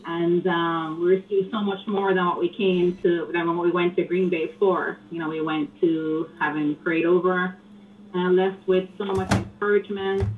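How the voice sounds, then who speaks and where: A woman calling in to a radio show, speaking softly and earnestly with frequent pauses. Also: on the low side, steady tone. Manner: soft-spoken, earnest, halting. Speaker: caller. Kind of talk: call-in phone conversation. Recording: tinny phone line with hiss.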